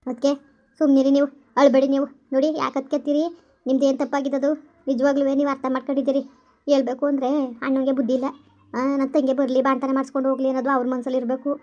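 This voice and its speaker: A woman's voice: high-pitched, level tone, very fast, dark tone, voice pushed down, lightly acted. Woman voicing a soothing young sister-in-law. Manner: soothing, repeated reassurances. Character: young woman comforting her sister-in-law, steady and kind. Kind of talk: animated story voice-over. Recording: lo-fi, dull voice-over.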